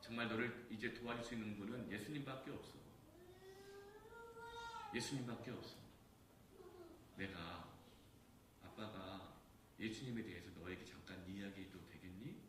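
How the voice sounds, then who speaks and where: A male pastor telling a story in a sermon, dropping to hushed quoted lines and rising to loud emphatic peaks. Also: lowish voice, normal speed, long pauses, background noise. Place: church sanctuary. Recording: echoey church hall from far off.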